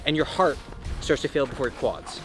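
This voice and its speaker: A man's voice: medium pitch, a little fast, over loud music. A young man chatting casually and jokingly in a fitness vlog, explaining diet tips. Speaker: fitness vlogger.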